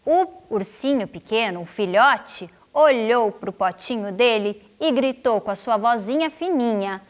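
Slow, lively woman telling a children's story. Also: a little high. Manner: expressive, drawn-out, playful asides to listeners.

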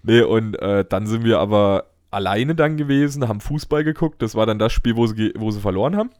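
Podcast host, male; chatty and rambling, jokes a lot, low voice, dry recording. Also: a little fast, darkish tone, no room sound. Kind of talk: casual chat.

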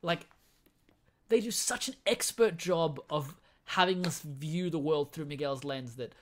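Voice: mid-range voice, a little slow. A guest host on a casual film podcast, giving an enthusiastic, analytical breakdown of a movie's craft. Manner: animated, switches into mimicking characters.

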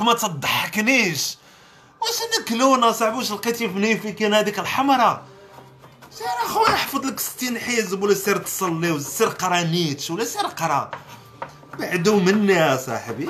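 Animated sarcastic Moroccan man. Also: sits high. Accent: Moroccan Arabic. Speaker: podcast host. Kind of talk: comedic rant commentary.

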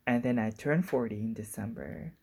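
A woman's voice: a bass voice, moderate pace, darkish tone, breathy edge. A woman in her forties hosting a solo podcast in a casual, musing way, often circling back and restarting her thoughts. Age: 40s. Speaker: podcast host.

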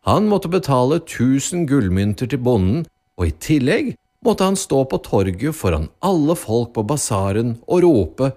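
A man narrating a children's storybook radio play in a lively, drawn-out storytelling manner. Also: medium pitch.

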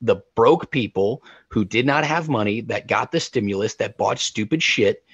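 A man's voice: on the low side, animated, normal speed, slightly rough, no echo, highs cut off. A man co-hosting a talk show, ranting heatedly and repeating words for emphasis. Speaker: podcast co-host.

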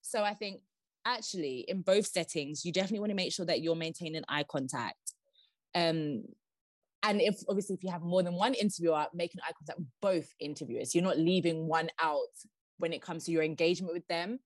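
A woman guest on a podcast giving interview tips, who says she talks fast and laughs now and then. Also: fairly low pitch, no echo. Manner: fast-talking, laughs often.

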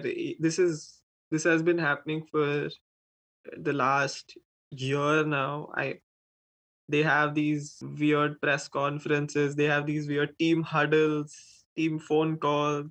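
A man on a casual sports podcast, matter-of-fact and unbothered, with halting restarts. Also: fairly high pitch, fairly bright tone. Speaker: podcast co-host.

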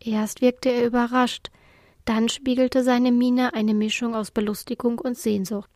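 A woman narrating a children's storybook chapter in a clear, even reading voice. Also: a little high, a little slow, no echo, studio quality. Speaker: audiobook reader.

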